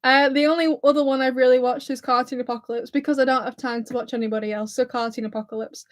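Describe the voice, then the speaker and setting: A fast-talking woman with a high-pitched, fairly evenly intoned voice hosts a YouTube livestream. In her twenties and from England near Blackpool, she has a Lancashire-Scouse accent and reads viewer comments with nervous chatter and giggles.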